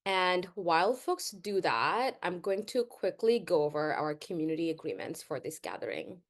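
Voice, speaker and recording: A woman from Bangladesh, leading an online workshop in an earnest, measured way with frequent "um" pauses, heard over a video call. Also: on the low side, lively intonation. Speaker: workshop facilitator.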